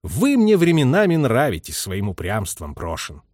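A man voicing a tired male army captain who speaks calmly, dryly and with authority. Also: mid-range voice, moderate pace, no echo. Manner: calm, dry, authoritative.

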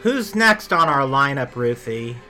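Bright-voiced chatty male podcast host. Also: medium pitch, very animated, measured pace, faint music behind. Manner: chatty, rambling, self-correcting. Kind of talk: casual chat about theme park attractions.

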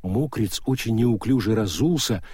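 A man narrating an audiobook in an even storytelling manner. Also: on the low side, normal speed, husky, no echo, studio quality. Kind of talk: scripted narration.

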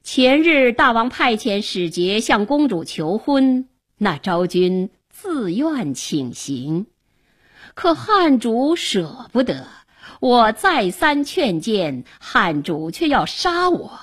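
A sly male court painter in a spoken storybook, wheedling and ingratiating as he flatters a ruler, put on by a woman narrator. His delivery swings between low, hushed scheming and lifted, eager pleading, and the voice has a husky edge. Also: slow, heavily acted. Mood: fawning.

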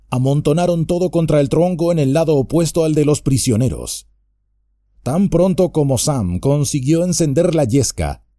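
A man narrating an audiobook with expressive storytelling. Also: fairly high pitch, no room sound, clean studio sound.

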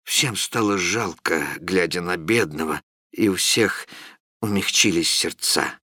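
A man reading classic fiction aloud as an audiobook narrator, in a measured, expressive way. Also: sits low, no room sound, studio quality.

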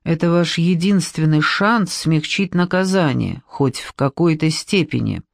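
A woman's voice: sits low, expressive, unhurried, gravelly, no room sound, full character voice. A cold, pressing female police investigator, read by a woman narrator in an audiobook detective story. She leans on every accusation with a stern, hissing edge. The recording is dry and close.

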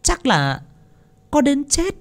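A man's voice: huge pitch swings, takes it slowly, gravelly, exaggerated voice. A man putting on a sneering wicked woman. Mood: mocking. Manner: sneering, mocking, with shrill laughter. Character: scheming woman, wicked and mocking.

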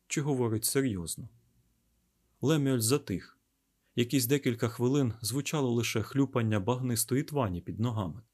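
A man narrating a fantasy audiobook in a steady, even storytelling manner. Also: mid-range voice.

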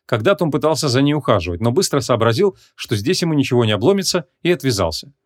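A man narrating an audiobook in an even, measured reading voice. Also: mid-range voice, no echo, studio quality.

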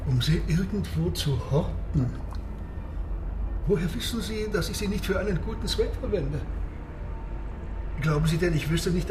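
An actor playing a proud, secretive submarine captain in a German radio drama, speaking in a measured, formal, commanding way. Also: male voice, high voice, noisy background, close to an everyday voice. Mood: indignant.

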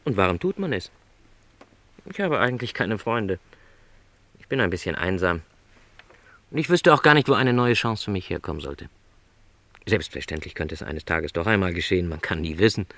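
In a radio play, a middle-aged travelling salesman who is lonely yet content speaks in a modest, reflective, courteous manner, pensive and resigned. His low voice has lively intonation and a moderate pace with long pauses, and there is no echo.

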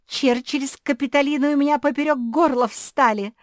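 A woman voicing a touchy, tearful young female cat in a storybook reading, with shrill, loud outbursts. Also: fairly even intonation, normal speed, dry recording, clean studio sound, natural voice. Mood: furious.

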